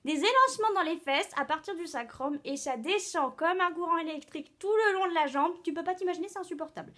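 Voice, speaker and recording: A woman acts out a self-pitying aunt who relishes every gory detail of her illnesses. Her voice sits high and she rushes on breathlessly from one complaint to the next, with plenty of fillers. It is theatrical, stage-style acting. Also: fairly bright tone. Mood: dramatic. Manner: breathless, dramatic storytelling with many fillers. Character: chatty hypochondriac older aunt on a video call. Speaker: drama student.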